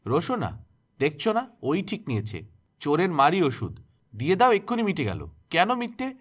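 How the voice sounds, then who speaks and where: A man voicing a sharp-tongued, gossiping female relative who accuses briskly. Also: on the high side, huge pitch swings, pitched above the performer's own voice. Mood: accusing.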